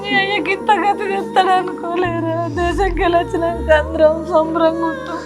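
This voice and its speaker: A woman with a very high-pitched voice and flat delivery, speaking a little fast, plays a grieving middle-aged village mother. Tender and tearful, she pleads, sobs and laments over her married son, with music in the background.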